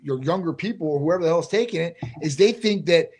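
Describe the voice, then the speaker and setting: A clinic owner co-hosting a live Q&A show speaks bluntly and casually into a desk microphone. His voice is fairly high-pitched and a little mellow, with lively intonation and a quick pace.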